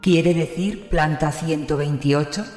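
Cold elevator AI with a clangy metallic robot voice, clipped prompts, slightly high, put on by a male reader. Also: steady tone, takes it slowly, echoey room, in a large hall, over music. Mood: prompting. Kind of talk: audio fiction reading.

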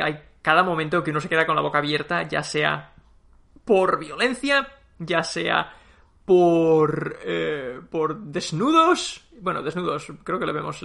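A man gives a loose, chatty spoken review of a TV series, leaning into sarcasm, lively and full of fillers. His fairly high voice is gravelly, with a bright, forceful tone.

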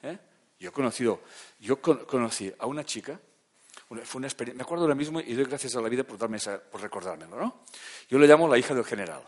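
A man giving a lecture as a therapist, talking conversationally and often checking that the audience is following, dropping soft and low then rising into loud emphatic bursts. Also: expressive, fast talker.

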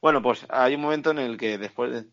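A man retells a film plot in animated, foul-mouthed casual chat, checking in with the listener every few lines. His voice sits in an ordinary middle range. The recording is slightly dull and lo-fi. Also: mid-range voice, fast. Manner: animated, profane, tags lines with "¿vale?".

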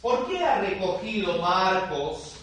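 A man, a friar, teaching a theology class, reading scripture aloud and explaining it in a lively, conversational way while he questions his students. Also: sits high, slow. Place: lecture room. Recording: very echoey room, far from mic, faint hiss.

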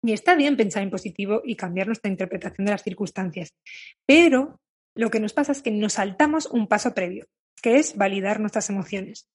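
A woman with a Spanish accent from Spain, a therapist calmly telling viewers her own story in a candid, confiding monologue. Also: on the high side, husky. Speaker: therapist who treats eating issues. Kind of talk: personal reflective monologue to viewers.

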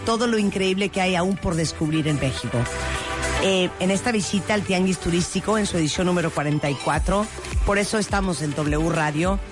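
A woman's voice: on the low side, a little fast, music in the background. A woman hosting a live radio show, teasing her co-hosts in casual banter. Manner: playful, teasing. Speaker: radio host.

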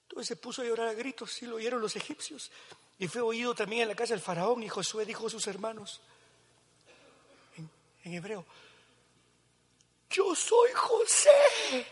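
Middle-aged male preacher, fairly high and husky, big echoey hall. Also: steady tone, a little fast, pauses often. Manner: dramatic, acts out Bible scenes, swings from hushed to shouting. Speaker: pastor. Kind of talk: sermon. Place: large church hall.

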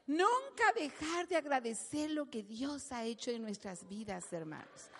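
A woman preaching a sermon in a church, animated, acting out quotes and calling the congregation "hermanos". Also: sits high, measured pace. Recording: long hall reverb.

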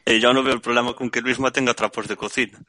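A man's voice: mid-range voice, steady tone, fast, very noisy. A man making dry, joking asides on a video call whose connection keeps breaking up and dropping out. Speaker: podcast co-host on a video call. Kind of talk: casual chat.

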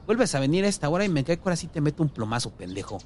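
A man voicing a foul-mouthed, short-tempered crippled male dealer, harsh and full of shouted curses. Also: a little high, very animated, rapid-fire, slight background noise, voice pushed up. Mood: muttering angry. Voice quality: harsh, cursing, shouting bursts.

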